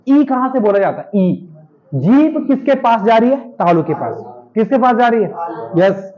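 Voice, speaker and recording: A male teacher giving a grammar lesson, firing questions at his students and answering them himself. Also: sits high. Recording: dull lo-fi classroom recording.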